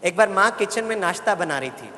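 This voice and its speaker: A man's voice: high voice, expressive, fairly quick, pushed and bright. A man giving a motivational spiritual talk to a live audience, telling stories and getting listeners to repeat lines after him. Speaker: spiritual speaker. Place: large hall with audience. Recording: echoey hall, faint background noise.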